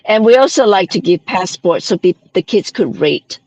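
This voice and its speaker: A woman's voice: on the low side, lively intonation, moderate pace, darkish tone, dry recording. A middle-aged woman from Malaysia, a company founder chatting as a guest in an interview, often restarting and tagging her sentences with "right?". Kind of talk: casual interview chat.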